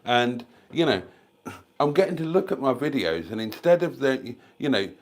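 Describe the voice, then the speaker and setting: An older British man with a mid-range, expressive voice and moderate pace hosts a casual YouTube livestream from home, standing near the fridge. Congested with a cold and coughing, he rambles in a self-mocking way and calls his viewers darlings, picked up by a desk microphone.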